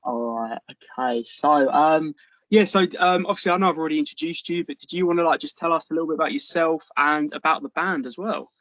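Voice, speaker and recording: A man's voice: fairly high pitch, fast talker, fairly bright tone, no echo. Dry-sounding man hosting a podcast. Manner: friendly, jokey, many fillers. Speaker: podcast host.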